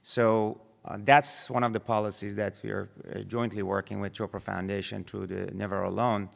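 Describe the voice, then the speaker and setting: A man moderating a panel in front of an audience, with halting, stop-and-start phrasing. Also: fairly low pitch, flat delivery, gravelly. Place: large conference hall. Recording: echoey hall with long reverb.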